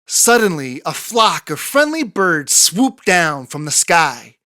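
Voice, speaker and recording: A woman narrating a children's picture book in an expressive read-aloud style with dramatic emphasis. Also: on the low side, slow pace, no room sound, studio quality. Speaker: children's story reader.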